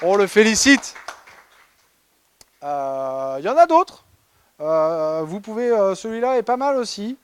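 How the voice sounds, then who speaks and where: A man's voice: high-pitched, sing-song, measured pace, pauses often, clear, resonant tone. A man presenting a humorous award talk at a conference, ironic and chatty with many fillers and restarts. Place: conference hall.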